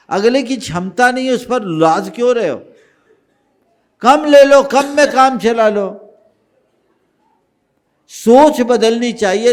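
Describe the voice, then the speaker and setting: A man giving a sermon as a monk, scolding with rhetorical questions and swinging between loud stress and quiet asides. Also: high voice. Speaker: Jain monk giving a discourse.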